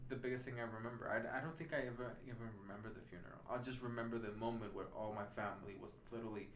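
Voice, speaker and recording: A man's voice: lowish voice, fairly even intonation, very fast. A man from Puerto Rico talking casually and reflectively, with many fillers and restarts. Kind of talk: casual conversation. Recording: roomy sound with faint ambient noise.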